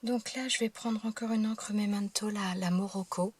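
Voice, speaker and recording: A woman's voice: medium pitch, fairly even intonation, normal speed, husky, dry recording. A woman hosting a craft tutorial, talking casually with many fillers and restarts as she works. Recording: noticeable background noise with clicks. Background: noise and clicking sounds.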